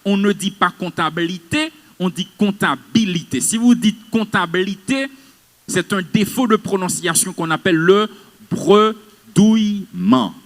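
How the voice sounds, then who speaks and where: A man's voice: high voice, expressive, measured pace. A man teaches public speaking to a live class, stressing his points and checking that the audience follows. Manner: emphatic, questions the audience. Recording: long hall reverb.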